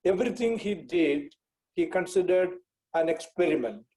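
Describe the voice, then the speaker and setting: A man in his sixties with a Malayalam Indian English accent from Kerala, explaining in a measured, deliberate way as a lecturer on a video call. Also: high-pitched, expressive, mellow, low-quality recording. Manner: measured, deliberate, with repeated phrases for clarity. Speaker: guest speaker giving a lecture. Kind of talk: explanatory online talk. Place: indoor room with bookcase, on a video call.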